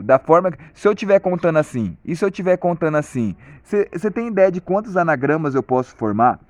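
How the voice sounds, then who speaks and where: A man teaching in a casual video lesson, talking slowly through an idea with many restarts and frequent check-ins with the viewer. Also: on the high side, dry recording. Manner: hesitant, many restarts and repeated "compreende?". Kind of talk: casual explanatory tutorial.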